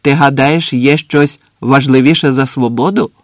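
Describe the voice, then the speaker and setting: A man voicing an eager, hot-headed male anarchist soldier who shouts boisterously in an audiobook. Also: mid-range voice, expressive, normal speed, dry recording, studio quality, lightly acted.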